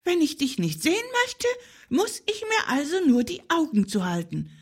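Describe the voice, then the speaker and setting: A woman's voice: high voice, huge pitch swings, normal speed, pitched above the performer's own voice, exaggerated voice. A woman voicing a small, scruffy young hare who asks curious questions, in a children's audiobook. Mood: chirpy. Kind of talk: audiobook character voice.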